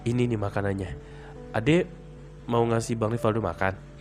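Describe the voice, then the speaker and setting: Kindly mother at home, friendly and plain, a bit low and soft, as a man quotes her. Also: steady tone, normal speed, soft background music, lightly acted. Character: kind mother cooking at home, welcoming.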